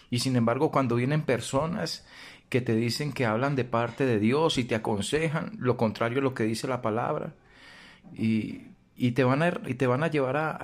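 A man giving a devotional sermon, speaking earnestly to the listener, slowing down to stress key words and asking direct questions. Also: medium pitch, darkish tone. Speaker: preacher.

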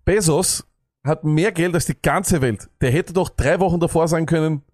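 A man's voice: fairly high pitch, moderate pace, a little mellow, dry recording, studio quality. A man co-hosting a fantasy football podcast, ranting and sarcastic, jumping between thoughts. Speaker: podcast co-host. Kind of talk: casual fantasy football chat.

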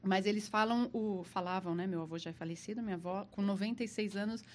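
A woman's voice: mid-range voice, fast, slight background noise. A woman guest on a podcast telling a story in casual chat, laughing often and acting out the people she quotes.

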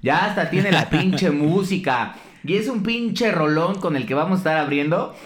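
A man's voice: fairly high pitch, expressive, moderate pace. A man with a Mexican Spanish accent, co-hosting a gaming podcast, telling stories in crude, teasing banter. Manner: profane, teasing, storytelling. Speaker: podcast co-host.

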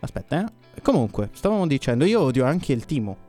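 A man's voice: medium pitch, sing-song, fast talker, dark tone, soft background music. Young man bantering on a podcast. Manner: banter, mock-serious impressions. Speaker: podcast co-host. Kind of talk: casual chat.

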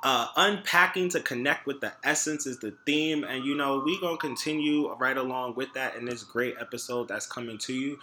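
A man hosting a podcast in an informal, conversational way, often pausing and adding little tags as he talks. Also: mid-range voice, pushed and bright. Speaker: podcast host. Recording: faint background noise.

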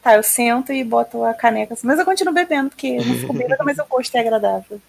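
A woman with a Brazilian accent and a husky voice, role-playing casually and playfully as a tabletop game player. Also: fairly high pitch, lively intonation, racing, darkish tone.

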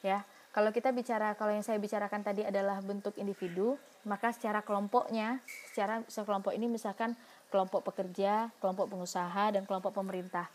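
Woman, lecturer, explanatory, answers her own questions, mid pitch, faint hiss behind. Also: level tone, quick pace, a little mellow. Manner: explanatory, rhetorical questions answered herself, frequent fillers. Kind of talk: recorded university lecture.

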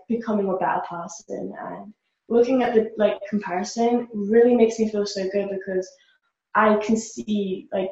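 A woman's voice: mid-range voice, a little mellow. A young woman from Britain, answering interview questions in an earnest, upbeat way with many "like" fillers. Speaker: guest, social media creator. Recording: roomy, dull lo-fi sound.

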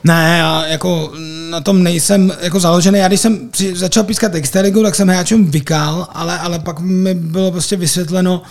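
A man's voice: high-pitched, fairly even intonation, hardly any pauses. A man, a hockey referee, chatting on a podcast and rambling with lots of fillers and restarts. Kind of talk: casual podcast chat.

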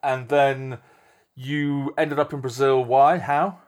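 A man hosting a podcast, introducing and interviewing a guest in a relaxed, conversational way. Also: medium pitch, slow pace. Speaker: podcast host.

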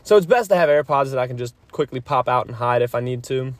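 A man's voice: mid-range voice, lively intonation, fast talker, no room sound. A man chatting casually and rambling on a solo podcast, recorded on a phone inside a parked car on a rainy day. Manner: rambling, informal, mildly profane. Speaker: podcast host. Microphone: phone microphone. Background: rain hitting the car roof.

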